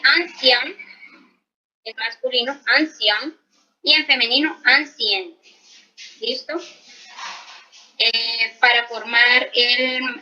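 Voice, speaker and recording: A woman's voice: on the high side, pushed and bright, poor audio. A woman teaching French grammar to Spanish speakers, explaining patiently and checking in often. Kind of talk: slow explanatory language lesson.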